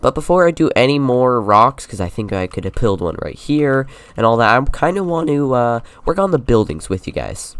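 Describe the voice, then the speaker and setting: A young man with a congested, slightly sick voice, giving relaxed, rambling commentary on his Minecraft building. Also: mid-range voice, normal speed, few pauses, smooth, no echo. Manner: relaxed and rambling, with many fillers. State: congested from a low fever. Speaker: Minecraft YouTuber. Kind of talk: casual gameplay commentary.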